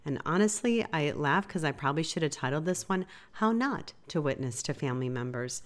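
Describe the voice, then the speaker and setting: Low-voiced woman, stuffy from a cold. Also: lively intonation, fairly quick. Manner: earnest, conversational, self-deprecating. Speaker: podcast host.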